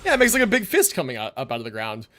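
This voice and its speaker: Racing along with huge pitch swings, a man with a medium-pitched, fairly bright voice hosts a gaming livestream. His casual stream chat goes out over a streaming mic, rambling, slangy, and sometimes sweary.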